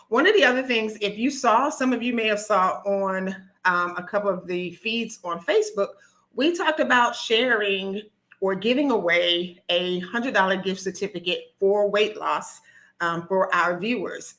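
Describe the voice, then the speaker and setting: A woman nurse practitioner opens a live stream, talking eagerly and quickly with plenty of ums and restarts. Her tone is bright and forward, with a middle pitch. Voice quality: nervous, talkative, many ums and restarts.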